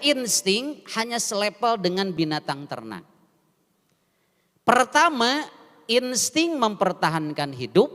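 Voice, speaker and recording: A man with a Sundanese accent preaching a mosque sermon, often asking the congregation questions as he teaches. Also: high voice. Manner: lively, asks the congregation questions and mixes languages. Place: mosque hall. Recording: echoey mosque hall.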